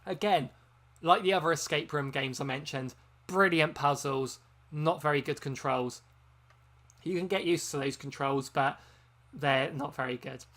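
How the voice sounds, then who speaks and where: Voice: medium pitch, unhurried, fairly bright tone. A host chatting casually on a long live stream, rambling with frequent ums and self-corrections, sounding tired from hours of talking. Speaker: game channel host.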